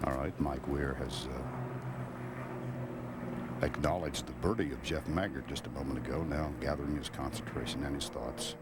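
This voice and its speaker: A man's voice: very deep voice, fairly even intonation, moderate pace. A man calling golf play live in sparse phrases on an old television broadcast. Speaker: golf commentator. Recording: very noisy VHS broadcast, loud crowd.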